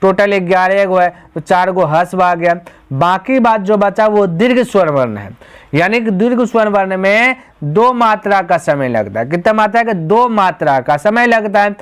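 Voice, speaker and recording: An expressive man with a smooth, high voice talks at normal speed as he teaches grammar. His explanation goes step by step, he answers the rhetorical questions he asks, and he calls the students "my brother."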